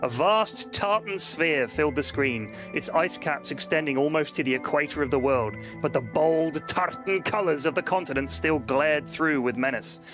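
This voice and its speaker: A man's voice: fairly high pitch, moderate pace, hardly any pauses, music in the background. A man reading a comedy story aloud in a dry, playful way and chatting as a podcast host.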